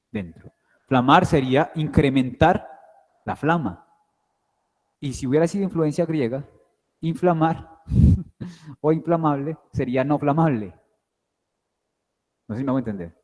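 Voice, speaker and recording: A man's voice: fairly high pitch, darkish tone. Lecturing man in an echoey hall. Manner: explains with questions, checks understanding with "¿sí?". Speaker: guest lecturer. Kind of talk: classroom lecture.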